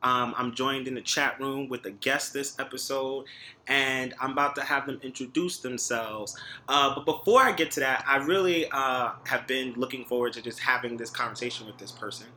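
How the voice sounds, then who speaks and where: A man hosting a podcast in an informal, conversational way, often pausing and adding little tags as he talks. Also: medium pitch, sharp tone. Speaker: podcast host. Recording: faint background noise.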